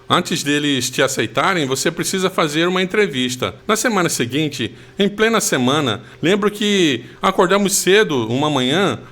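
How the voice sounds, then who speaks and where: Man, higher-pitched speaking voice, giving a steady earnest personal testimony.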